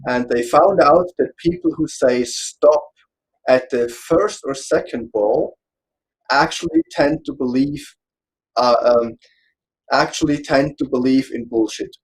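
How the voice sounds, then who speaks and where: An Austrian man, German-speaking by birth and carrying an Austrian German accent, talks through a psychology topic in a casual online panel, hesitant and checking notes as he pauses to search for words. He has a medium-pitched voice with a breathy edge, and the recording is rough.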